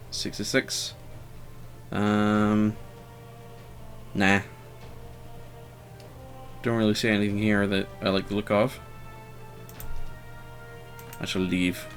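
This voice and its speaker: A man's voice: lowish voice, level tone, takes it slowly, long pauses, soft background music. A man giving casual, rambling gameplay commentary, hesitant and full of fillers, with a wry, self-deprecating manner. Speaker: let's player.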